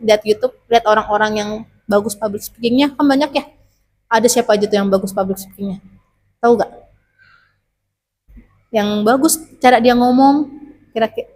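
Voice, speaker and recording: A woman teacher, chatting to students about public speaking and asking many rhetorical questions. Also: a little high. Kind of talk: casual advice to students.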